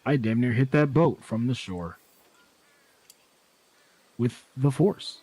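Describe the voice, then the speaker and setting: A man's voice: medium pitch, expressive, slow, dark tone, breathy edge, no echo. A man streaming a game, making dry, sarcastic remarks at what happens on screen. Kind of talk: casual gameplay chat.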